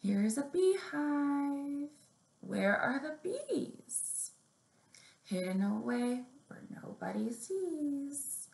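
Her voice sits high, sing-song and darkish, yet slow and creaky as this young story time host reads picture books and does finger plays for young children. She's a children's librarian giving simple instructions in a deliberate, measured way. An arm's-length webcam or laptop mic in a small home or office room makes it sound roomy and echoing.

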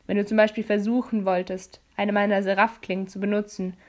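A condescending teenage boy demon hunter, put on by a woman narrator in a storybook reading. He sounds lower and punchier than her normal voice, smug and curt. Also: flat delivery, a little fast, darkish tone, natural voice. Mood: curt, irritated.

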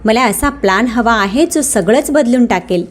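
Woman reading as a calm, firm older mother. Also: a little high, moderate pace. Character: calm dignified older mother, wealthy but humble.

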